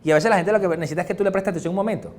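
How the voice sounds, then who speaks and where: A male pastor with a Venezuelan accent, preaching in a relaxed, joking way and acting out little conversations. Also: high-pitched, rapid-fire, slight background noise. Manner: animated, joking, acts out little dialogues. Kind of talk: conversational sermon.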